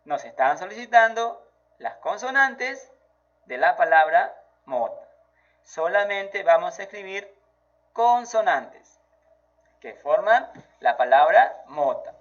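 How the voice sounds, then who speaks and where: A man teaching a math lesson to children, slow and encouraging, praising the child often. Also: sits high, sing-song, fairly bright tone. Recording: dull lo-fi audio.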